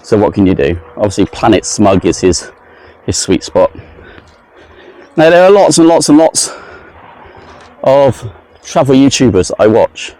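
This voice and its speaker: A man's voice: fairly low pitch, sing-song, unhurried, long pauses, a little mellow. Rambling man vlogging on a walk. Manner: rambling, self-deprecating, restarts a lot. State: sweaty in the heat. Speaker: travel vlogger. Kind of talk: casual walking vlog monologue. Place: outdoors, walking around a lake.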